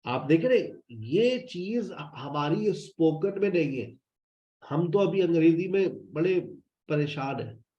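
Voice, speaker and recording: A man teaching spoken English in an online class. He speaks slowly and repeats phrases for his students in a fatherly tone. The recording echoes around the room and sounds somewhat muffled and lo-fi. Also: on the high side, lively intonation, dark tone. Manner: repeats phrases to drill students, fatherly, addresses them as "beta". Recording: roomy, dull lo-fi sound.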